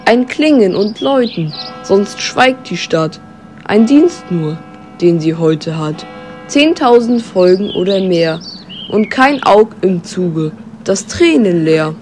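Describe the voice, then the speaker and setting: Slow ballad narrator, female, over music. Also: medium pitch, lively intonation, a little mellow. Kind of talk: dramatic recitation of a ballad. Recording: music under the voice.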